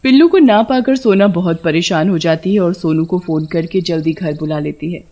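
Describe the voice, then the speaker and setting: A woman narrating an animated horror story in a steady storytelling voice. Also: fairly low pitch, normal speed.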